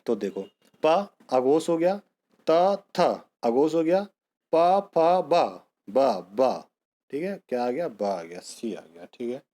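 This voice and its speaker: A man's voice: medium pitch, sing-song, takes it slowly, dark tone. A man teaching an exam-prep grammar lesson, who asks a question and then answers it himself, calling his students bhaiya and beta.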